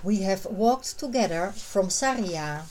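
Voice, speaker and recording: A woman narrating a scripted language lesson, reading short phrases and translations in a measured, clearly separated way. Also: mid-range voice, animated, a little mellow, slight background noise.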